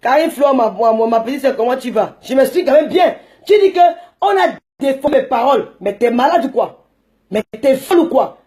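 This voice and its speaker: A middle-aged woman with a Cameroonian French accent, ranting in a chatty, mocking vlog monologue that now and then breaks into shouting. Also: high voice, lively intonation, brisk. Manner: combative and mocking, bursts into shouting; chatty, rambling. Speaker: vlogger.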